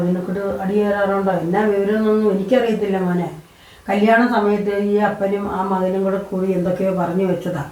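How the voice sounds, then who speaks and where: A woman's voice: medium pitch, warm tone, close to an everyday voice. A woman playing a worried middle-aged mother, talking in a fretful, pleading way. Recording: echoey room, mic at a distance.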